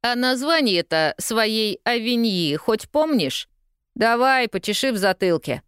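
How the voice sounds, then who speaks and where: A woman's voice: a little high, expressive, measured pace, a bit bright, clear, resonant tone, no room sound, clean studio sound, voice pushed up. Woman doing a cocky, scoffing street newsboy. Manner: scoffing, slangy, drawling.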